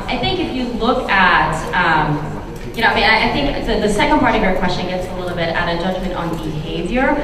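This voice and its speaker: A woman speaking as a panelist for a health care organization, earnest and halting, with many fillers. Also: medium pitch. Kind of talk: panel discussion. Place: large convention hall, seated at panel table. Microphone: table mic on stand, recorded from far camera. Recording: echoey hall recorded from far off.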